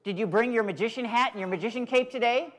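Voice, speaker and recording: A man's voice: very high voice, fast, fairly bright tone. A man performing as a comedy magician for children, with playful, coaxing showman's patter in simple phrases to young volunteers and the audience. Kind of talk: live stage show patter for kids, talking to volunteers and audience.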